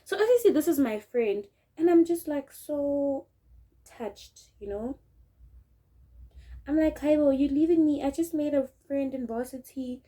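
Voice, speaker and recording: A woman's voice: high voice, normal speed, rough recording. A young South African woman with a South African accent, telling a casual story in a vlog and acting out what people said. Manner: animated, acts out quotes, mixes in local words. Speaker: vlogger. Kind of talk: casual storytime while doing makeup.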